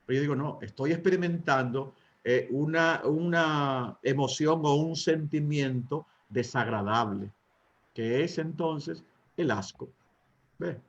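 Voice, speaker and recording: A Dominican man, a priest, teaching couples in a talk, often pausing with fillers and asking his listeners rhetorical questions. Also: fairly high pitch, lo-fi sound. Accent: Dominican Spanish. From Dominican Republic. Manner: asks the audience rhetorical questions, hesitates with fillers.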